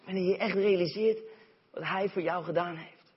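A man's voice: high voice, steady tone, moderate pace, breathy edge. A man from the Netherlands preaching a sermon, telling the story vividly and acting out voices. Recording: dull sound, long hall reverb.

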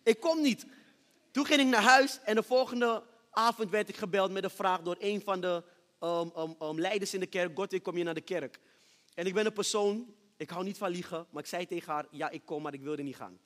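A man preaching a sermon testimony on a church stage, moving from hushed storytelling to loud, shouted praise. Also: high voice, fairly quick. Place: church stage with reverberant hall. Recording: long hall reverb.

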